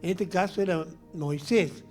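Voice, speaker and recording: A middle-aged man with an Argentine accent, preaching a sermon as pastor in an animated, humorous way that acts out little scenes. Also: high voice, unhurried, faint music behind. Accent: Argentine Spanish.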